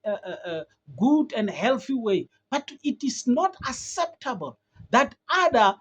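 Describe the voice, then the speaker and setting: South african vlogger talking opinions, earnest, lots of uh uh restarts, mid voice. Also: mid-range voice. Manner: earnest, hesitant, many uh fillers and restarts. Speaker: commentator. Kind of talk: opinion vlog commentary.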